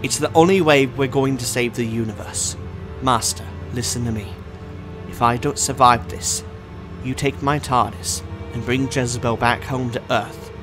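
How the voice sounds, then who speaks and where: A man's voice: medium pitch, fairly even intonation, normal speed, natural voice. A man playing a heroic, eccentric time-travelling adventurer in an audio drama, with a theatrical delivery. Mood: tender, resolute. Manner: theatrical, declamatory. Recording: music bed under the voice.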